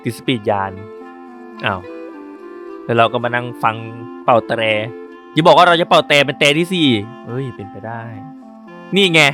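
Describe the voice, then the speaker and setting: A man hosting a gaming channel, giving casual, jokey play-by-play commentary in an excitable, chatty way. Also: mid-range voice, moderate pace, pauses often. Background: game music.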